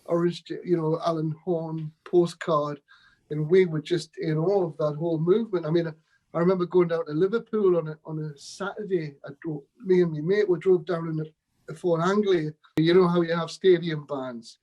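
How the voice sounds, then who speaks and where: A man's voice: a little high, fairly even intonation, moderate pace, a little mellow, highs cut off. A man being interviewed, telling rambling anecdotes about his music days with laughs and quotes. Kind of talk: casual storytelling interview.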